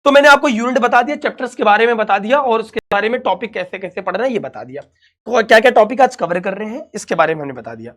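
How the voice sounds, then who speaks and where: A man's voice: sits high, animated, quick pace, fairly bright tone. A young man, teaching an online physics class in a chatty, reassuring way and calling the students his dear children.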